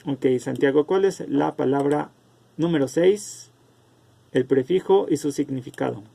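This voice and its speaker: A man teaching an online class over a video call, explaining slowly and calling on students by name. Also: on the high side, creaky, dark tone.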